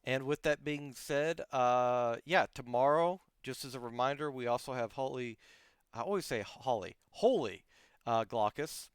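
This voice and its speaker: A man hosts a casual streamed podcast interview, talking in a clear, smooth voice with a dry, close sound. He rambles, restarts his sentences and leans on fillers as he goes. His voice sounds a little worn. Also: mid-range voice, normal speed, few pauses, no echo. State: losing his voice. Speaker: podcast host.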